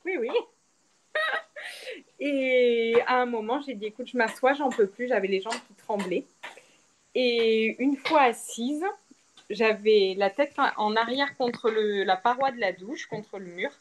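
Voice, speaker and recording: A young woman, a podcast guest, candidly recounting a personal story and acting out the quoted dialogue with lively swings in her voice. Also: measured pace, background noise. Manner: animated, acts out quoted dialogue with big pitch swings. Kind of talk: candid storytelling about childbirth.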